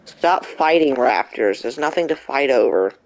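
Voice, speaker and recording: A man's voice: mid-range voice, lively intonation, normal speed, vocal fry. A young man streaming a game, chatting casually and talking back to the game in mock frustration. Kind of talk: casual live gameplay commentary.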